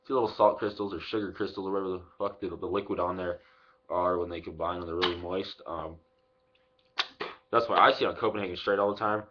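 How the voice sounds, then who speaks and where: Low-voiced young man, lip full of dip. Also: fairly even intonation, fast talker, a little hiss or hum. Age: 20s. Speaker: product reviewer vlogger. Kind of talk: casual unscripted product review, swearing freely. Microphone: webcam microphone at arm's length. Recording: dull lo-fi webcam audio.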